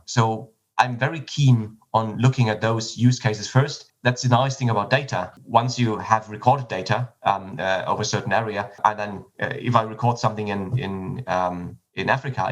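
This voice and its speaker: A man's voice: on the low side, muffled recording. German-accented man explaining technical details. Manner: technical, explanatory, frequent restarts and fillers. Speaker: startup CEO guest. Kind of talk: podcast interview answers.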